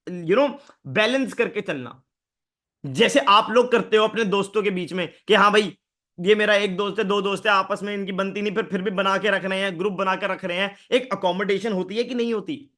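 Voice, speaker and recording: A young male teacher gives a live online lecture in a fairly high voice. He talks in a loose, conversational way, breaking up explanations with quick questions for his students. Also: fairly bright tone. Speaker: exam prep teacher.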